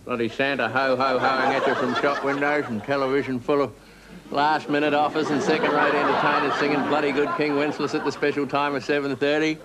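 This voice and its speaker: A man playing a gloomy cynic who sneeringly lists holiday miseries in a TV comedy sketch, over loud audience laughter. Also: medium pitch, fairly quick, a loud crowd, very noisy, close to an everyday voice. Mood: sardonic. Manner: sardonic, flat, listing miseries.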